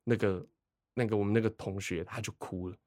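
A man in his thirties with a Taiwanese Mandarin accent, chatting on a podcast, telling a story with animated, laughing delivery. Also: brisk, no echo, clean studio sound. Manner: animated storytelling, acts out quotes in a high squeaky voice, laughs often. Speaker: podcast co-host. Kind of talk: casual chat.

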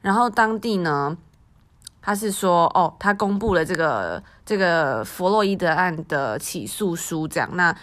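A woman's voice: lowish voice, animated, a little slow, a bit bright. A woman podcast co-host with a Taiwanese Mandarin accent, discussing news casually and conversationally.

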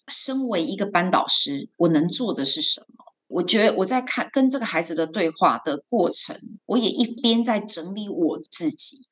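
A woman's voice: on the low side, fairly bright tone, slightly rough. A woman coach, recounting a talk with a student in a podcast conversation and acting out the quoted lines. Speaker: guest coach and homeroom teacher.

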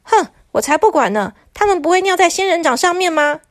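A woman voicing a group of chatty talking toilets in a children's storybook, bickering and excitable. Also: sits high, a little fast, no room sound, studio quality. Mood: scoffing. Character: chatty talking toilets, boastful then sulky.

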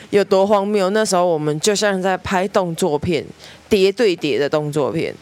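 A young woman with a Taiwanese Mandarin accent, hosting a podcast and telling family stories in a lively way, acting out relatives' voices. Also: lowish voice. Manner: lively storyteller, mimics family members, laughs often. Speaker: podcast host. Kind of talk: storytelling monologue.

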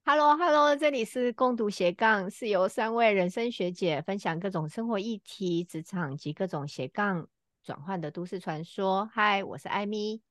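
A middle-aged woman co-hosts a relaxed podcast chat at a mid pitch. She tells a personal story with frequent filler pauses. The sound is close and dry, with little room in it. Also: dry recording. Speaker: podcast co-host.

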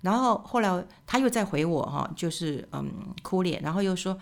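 Chatty woman, gravelly low voice. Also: animated, moderate pace. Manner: chatty, with frequent tag particles and fillers. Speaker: podcast host. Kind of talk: casual monologue.

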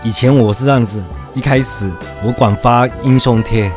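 A man co-hosting a podcast in casual chat, talking in a flat, mumbled way and often laughing. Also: medium pitch, normal speed, over music. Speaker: podcast co-host. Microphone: headset.

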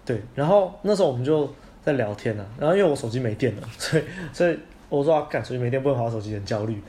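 A man's voice: mid-range voice, expressive, dark tone, a little hiss or hum. A man with a Taiwanese Mandarin accent, co-hosting a podcast and telling stories in a casual chat, swearing now and then. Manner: fast storytelling, swears casually. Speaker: podcast co-host.

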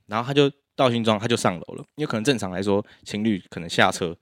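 A man's voice: on the low side, expressive, fast talker, no echo, studio quality. A young man, telling a story in casual podcast chat and laughing often. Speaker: podcast guest.

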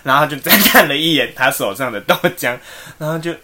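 A podcast co-host tells a rambling, casual story full of fillers, animated throughout. His voice is on the high side and fairly quick.

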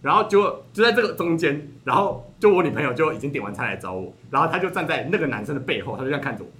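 A young man from Taiwan, a podcast host, telling a story in casual chat with animated delivery and frequent laughter. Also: on the high side, racing, a little hiss or hum.

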